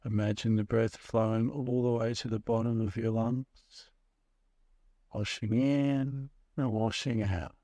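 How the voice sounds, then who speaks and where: Male meditation guide, very slow measured delivery, soothing, recorded close and dry with no room sound. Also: fairly low pitch, fairly even intonation, dark tone, no room sound. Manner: measured, soothing, pausing between short phrases.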